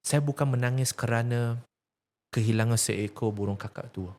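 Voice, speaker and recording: A man's voice: medium pitch, moderate pace, a little mellow, natural voice. A man with a Malaysian accent voicing a grieving old religious teacher in a story, speaking solemnly.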